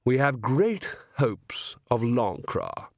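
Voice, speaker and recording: A man's voice: mid-range voice, sing-song, extremely slow, no room sound, studio quality, full character voice. A man voicing a smug young male vampire aristocrat, drawling with disdain and amusement. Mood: disdainful.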